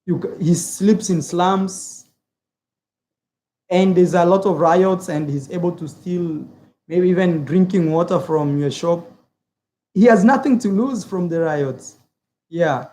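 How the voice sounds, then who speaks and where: A YouTuber from Africa shares his views in a relaxed vlog while reading viewer comments, his high, mellow voice moving slowly with long pauses. He comes across as earnest and repetitive, leaning on plenty of filler words.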